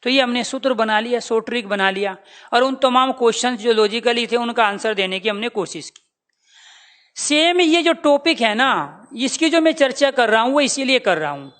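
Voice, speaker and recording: A man's voice: very high voice, a little fast, fairly bright tone. A man teaching a lesson to students, calling them dear children and drilling the sounds by repeating them. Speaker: Hindi teacher. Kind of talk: classroom lecture.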